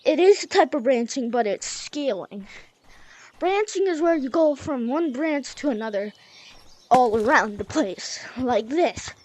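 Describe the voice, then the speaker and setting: Teaching a game one move at a time, this young woman chats loosely and sounds a little out of breath, dropping "y'all" and "like" as she goes. Her voice is high and animated, with a somewhat slow delivery, in a casual gaming tutorial.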